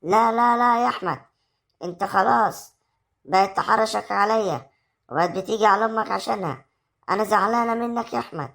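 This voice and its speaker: Woman as bossy Egyptian village mother-in-law, fast scolding, confrontational, amateur web drama. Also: mid-range voice, vocal fry, fairly bright tone. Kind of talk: amateur rural family drama acting.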